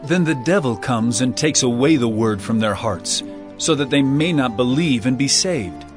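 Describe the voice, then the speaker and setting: A man acting an expressive, solemn Jesus, teaching. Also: medium pitch, over music, close to an everyday voice. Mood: earnest teaching. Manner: deliberate, solemn teaching delivery. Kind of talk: dramatized audio Bible acting.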